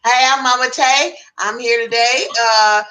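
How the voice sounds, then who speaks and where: An excitable woman talks on a casual podcast panel and laughs easily. Her voice is bright and forceful and sits somewhat high. She sounds eager to get going. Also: a little slow, low-quality recording. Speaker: publisher, panel guest.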